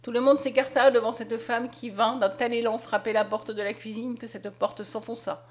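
A woman narrating a story aloud in a dramatic, expressive reading. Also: on the high side, moderate pace. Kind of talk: scripted audiobook narration.

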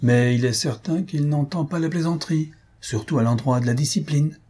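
A mocking army sergeant from a read-aloud story, put on by a man with a pitch pushed up over his husky, mellow timbre. He teases in a confidential tone. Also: normal speed. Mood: teasing. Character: sly, teasing male army sergeant.

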